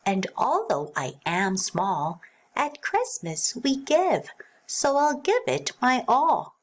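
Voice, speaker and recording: A woman voicing a small, plucky, cheerful male cat from a storybook, exclaiming in a slow sing-song. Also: fairly high pitch, wildly swooping pitch, pitched above the performer's own voice, exaggerated voice. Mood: determined.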